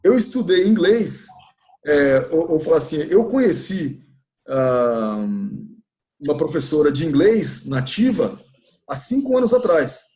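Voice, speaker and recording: A man's voice: fairly high pitch, very animated, unhurried, warm tone. A man with a Brazilian Portuguese accent teaching an English grammar class in a church classroom, patiently questioning students and repeating points.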